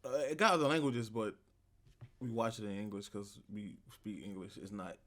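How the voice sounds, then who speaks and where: A man's voice: on the low side, expressive, moderate pace, fairly bright tone, a little hiss or hum. A man co-hosting a podcast, talking casually in slang with frequent swearing. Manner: slangy, peppered with swearing and "bro". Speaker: podcast co-host.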